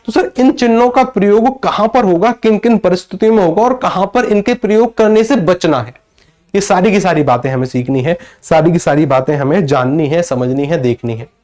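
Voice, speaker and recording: High-voiced male teacher. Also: a little fast, darkish tone. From northern India. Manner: repetitive, asks and answers his own questions; greets and answers viewers by name. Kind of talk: live online grammar lecture.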